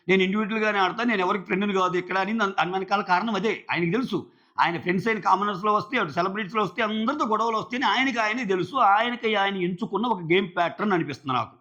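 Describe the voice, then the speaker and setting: A man with a Telugu accent and a high voice gives casual commentary reviewing a reality show. He's animated and opinionated, retelling the housemates' quarrels in quick asides. The sound is lo-fi.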